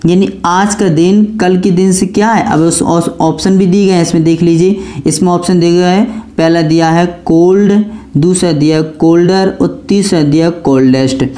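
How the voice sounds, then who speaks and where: Guy teaching grammar for exams, soft mellow voice, keeps asking "what comes here?" then answering it. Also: sits high, steady tone, normal speed. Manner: asks himself questions, then answers them; repeats key points over and over. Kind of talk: exam-prep grammar lesson.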